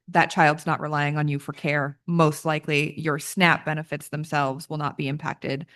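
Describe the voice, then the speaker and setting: A woman panelist lays out eligibility rules in a measured, precise way. Her voice is very low for a woman. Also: a bit bright. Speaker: panelist offering case help. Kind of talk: explaining at a public panel.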